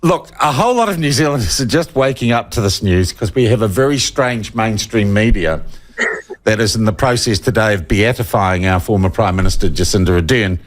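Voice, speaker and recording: Lower-voiced male talk radio host. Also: expressive, brisk. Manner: pointed, opinionated questions.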